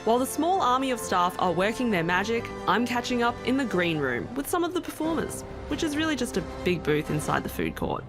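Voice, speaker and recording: An Australian woman from Melbourne narrates her travels and works a stand-up crowd. Her pitch swings up and down as she talks, and she laughs often. Music plays behind her. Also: big pitch swings, a little fast, few pauses. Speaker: comedian and show host.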